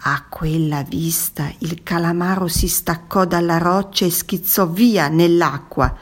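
Slow, breathy woman reading a fairy tale. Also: fairly low pitch. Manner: calm, gentle storytelling. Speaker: storyteller. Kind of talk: children's storybook reading.

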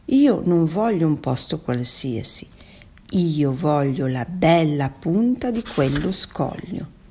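A woman's voice: deep voice, expressive, dark tone, a little hiss or hum, heavily acted. A woman voicing a smug, discontented squid in a children's story, haughty and mocking. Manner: haughty, drawn-out mocking tones.

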